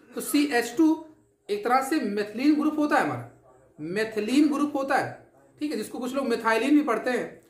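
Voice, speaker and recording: A woman's voice: high voice, echoey room. A woman teaching a chemistry lesson, explaining step by step, asking her students questions and answering them herself, often checking that they follow. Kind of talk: classroom lecture.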